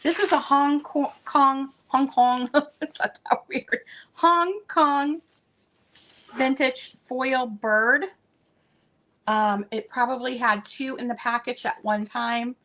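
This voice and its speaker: Woman w a raspy creaky voice going a bit hoarse, rambly casual chat, a little high. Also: steady tone, unhurried, a bit bright, low-quality recording. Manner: chatty, meandering, frequent fillers. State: losing her voice. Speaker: vintage seller showing stock.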